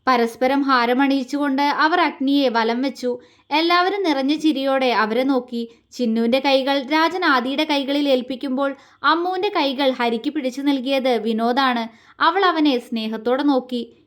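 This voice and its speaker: A woman storyteller reading romantic story narration in a calm, heartfelt way. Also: high-pitched, normal speed. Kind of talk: scripted narration.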